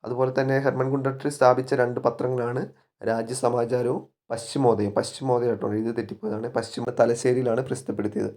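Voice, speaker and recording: A man's voice: mid-range voice, little pitch movement, fast talker, darkish tone. A male teacher giving an exam-prep lesson, repeating key facts and asking himself quiz questions.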